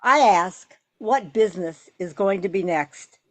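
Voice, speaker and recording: A woman's voice: medium pitch, expressive, unhurried, no room sound. Woman giving public comment, dry close sound. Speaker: resident speaking at council. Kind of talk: prepared public comment speech.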